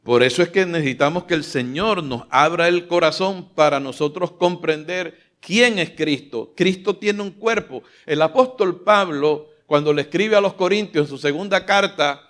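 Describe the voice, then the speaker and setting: A male pastor preaching a live sermon from a church stage. His voice sits a little high, and he is emphatic and rousing. He keeps firing questions at his listeners and urging them to answer louder. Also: moderate pace, few pauses. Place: church stage before a large congregation. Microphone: filmed from a stage mic.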